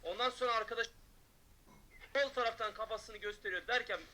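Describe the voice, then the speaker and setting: Loud taunting young-sounding man streamer. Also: high voice, fairly quick. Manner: loud, taunting, mocking shouts. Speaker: gaming streamer. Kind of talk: excited gameplay commentary.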